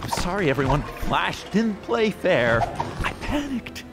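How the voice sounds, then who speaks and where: A cowardly cartoon game supervillain with a high, creaky voice. He pleads and stammers nervously, his pitch leaping about. Loud music plays behind him. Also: sing-song, measured pace, heavily acted. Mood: sheepish. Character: cowardly panicky male speedster supervillain who blabs under pressure. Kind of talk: animated video game acting.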